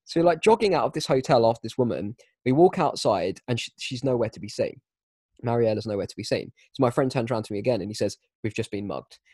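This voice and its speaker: A young man telling a casual, self-mocking anecdote with animated delivery. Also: medium pitch, fast talker, husky, no echo. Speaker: storyteller.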